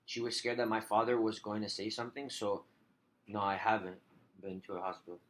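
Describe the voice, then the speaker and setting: A man playing the client in a role-played telephone counselling conversation, talking haltingly with many fillers. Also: lowish voice, little pitch movement, a bit bright. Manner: halting, hesitant, heavy use of filler 'like'.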